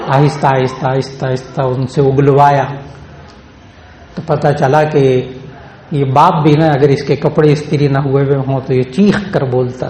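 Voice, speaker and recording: In an echoey Lahore hall with faint ambience, a male Islamic scholar delivers a sermon, repeating phrases for emphasis and chanting verses melodically. His voice is medium-pitched and mellow, with a little hiss or hum on the recording.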